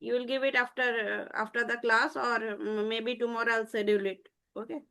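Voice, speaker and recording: A woman lectures an online class in a high voice. She explains step by step, patient and unhurried. Her talk is broken by frequent hesitant pauses, heard through a call headset mic. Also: flat delivery, vocal fry, bright, forceful tone, clear, resonant tone. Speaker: teacher. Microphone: earphone mic on a video call.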